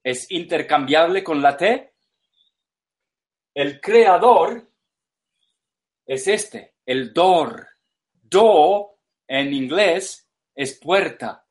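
A native English speaker lectures slowly in a language that isn't his first, repeating words and hunting for the right terms as he explains. His voice sits a little high and is expressive.

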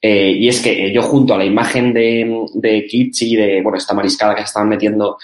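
A man giving his opinions in a rapid, chatty way on a talk show. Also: fairly low pitch, flat delivery. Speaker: political commentator. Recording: roomy echoey sound.

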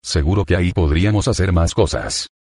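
A man's voice: deep voice, brisk, creaky, a little mellow, husky, dry recording, studio quality, exaggerated voice. A man reading the lines of a cocky young pick-up artist, playful but plainly read.

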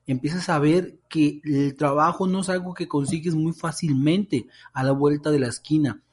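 A man's voice: on the high side, fairly even intonation, normal speed, a little mellow, slightly rough. A young adult man with a Mexican accent co-hosting a podcast in casual, slangy talk. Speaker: podcast co-host.

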